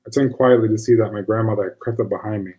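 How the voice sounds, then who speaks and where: Speaking fast with a steady, warm tone, a man on the low side plays an ordinary, square fellow who confides a first-person story about his grandmother the witch. The acting is light, the delivery conversational, and the audio dull.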